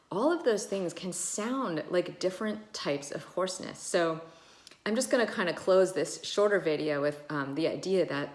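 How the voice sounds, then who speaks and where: Chatty woman doctor, lowish voice. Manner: chatty, many fillers, demonstrates voice sounds. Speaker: ENT doctor. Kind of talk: casual educational explainer. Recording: echoey room.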